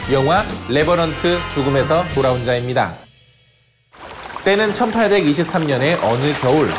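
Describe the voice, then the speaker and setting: Higher-pitched man narrating a movie recap. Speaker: film review narrator. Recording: clear background music under voice-over.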